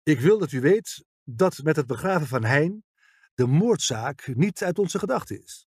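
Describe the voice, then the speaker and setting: Narrator as an older detective, measured and polite, husky audiobook voice. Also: male voice, fairly high pitch, animated, darkish tone, no echo, clean studio sound, exaggerated voice. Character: grey veteran police detective, patient and courteous.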